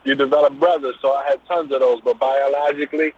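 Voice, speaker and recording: His mid-range voice moves fast with fairly even intonation. The speaker, a middle-aged business owner from Brooklyn with a New York accent, is a casual interview guest on a phone-like call line who talks about his background in an easygoing way, loose with many fillers.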